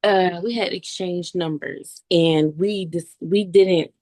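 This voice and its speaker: A woman's voice: lowish voice, fairly even intonation, slow, darkish tone. A woman in her thirties, a guest on a video-call interview, chatting casually, laughing often and calling the listener honey.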